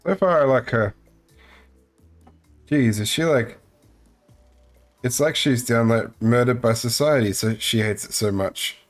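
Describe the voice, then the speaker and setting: A man's voice: mid-range voice, unhurried, long pauses, faint music behind. A male streamer reading a dating game aloud live, with sarcastic asides. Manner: sarcastic, reads character lines in voices.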